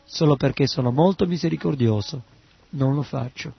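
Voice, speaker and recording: A man's voice: medium pitch, moderate pace, gravelly, breathy edge, muffled recording, faint music behind. A man voicing an arrogant male yogi who claims to be God, with a defiant, boastful delivery.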